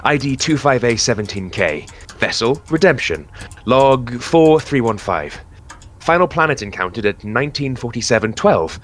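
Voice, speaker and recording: A man's voice: fairly low pitch, fairly bright tone, slight background noise. A man playing a chatty, sarcastic lone space explorer who talks to himself in a science fiction audio drama. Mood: flat, official.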